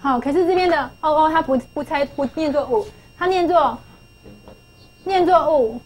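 A woman's voice: sits high, normal speed, darkish tone, rough recording. A middle-aged woman teaching English phonics to a class, coaxing pupils with questions and repeating key phrases.

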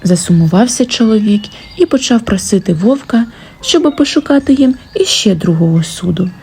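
A woman narrating a fairy-tale audiobook in a gentle, expressive storytelling manner. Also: medium pitch, moderate pace, slight background noise.

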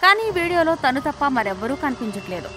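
A woman narrating a horror storybook in a measured, dramatic style. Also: high-pitched, very animated, slight background noise. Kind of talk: scripted narration. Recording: narration over loud background music.

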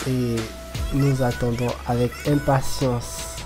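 A man from Côte d'Ivoire narrates a city walking tour, filming on his phone beside a busy road. His mid-range voice has little pitch movement, and he speaks slowly and hesitantly, pausing often with fillers. Clear background music and passing traffic sit beneath his voice.

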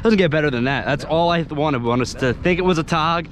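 A young adult American fishing vlogger, his voice a little high and brisk, fires off excitable, slangy casual commentary while fishing from a small boat under a bridge. A head-mounted action camera captures him, and the outdoor audio is noisy.

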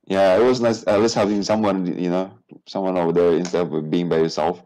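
An Indonesian man in his thirties, a guest speaking English with many fillers, relaxed and hesitant, on a video call from an office. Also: sits low, brisk, low-quality recording. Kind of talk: casual interview chat. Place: office with whiteboard. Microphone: earphone headset on video call.

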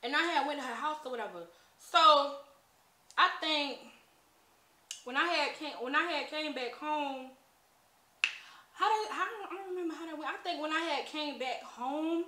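An echoey room carries the high, bright voice of a young American woman. She tells a casual, rambling story as she eats, often speaking through a mouthful of food. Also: normal speed, long pauses. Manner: talking while eating, mouth often full. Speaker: mukbang vlogger. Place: indoors, small bare-walled room at a table.

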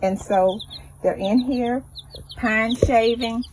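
Speaking slowly in a steady, slightly mellow voice that's a little high, a middle-aged chicken owner narrates a phone video outdoors in her fenced backyard. She holds the phone behind the camera and talks casually. Chickens and chirping birds come through in the noisy recording.

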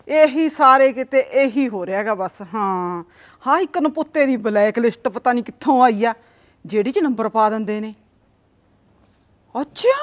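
Gossipy, scolding village mother-in-law; loud, slightly high voice. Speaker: gossiping older village woman. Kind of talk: village comedy drama acting.

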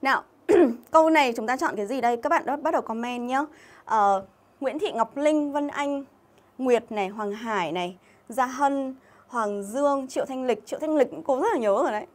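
A woman's voice: high voice, normal speed. Chatty Vietnamese woman teaching English live. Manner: chatty, reads out viewer names and comments. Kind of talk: livestream exam-review lesson.

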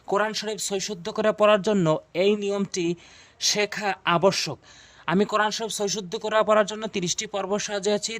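A man teaching Quran reading in a video lesson, drilling syllables slowly and repeating sounds. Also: sits high, no echo.

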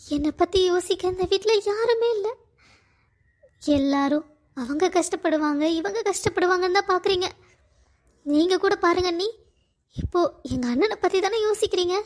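A woman's voice: very high-pitched, normal speed, long pauses. A woman voicing a distressed young bride-to-be in a cartoon story, pleading and upset. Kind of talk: cartoon voice acting.

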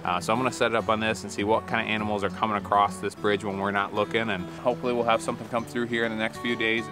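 A young man in snowy woods giving a relaxed, practical explanation on camera, with frequent fillers. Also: fairly low pitch, very fast, music in the background. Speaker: outdoor show presenter.

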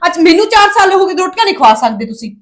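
Speaking in an extremely high, sing-song voice, an actress takes the role of a defiant unmarried daughter in a Punjabi family drama, quarreling sharply and rapidly with her mother.

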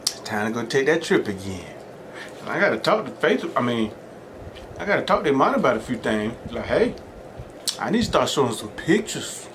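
Eating as he talks, this middle-aged Southern US man hosts a mukbang, spinning folksy, rambling stories in casual chat. His mid-range voice is very animated and fairly quick, over background noise.

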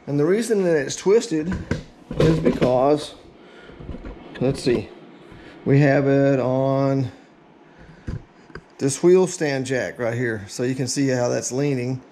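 Slow and warm, with frequent pauses, a medium-pitched middle-aged man mutters his way through a casual, folksy DIY demonstration in his home garage. The action-camera audio, tripod-mounted or handheld at shifting distances, is echoey with clear noise and handling clicks.

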